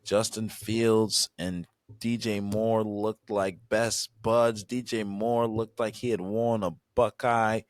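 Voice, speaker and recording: A man's voice: on the low side, little pitch movement, slow pace, no room sound, studio quality. A young man hosting a sports podcast, laid-back and casual, reeling off game stats with the odd sigh. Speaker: podcast host.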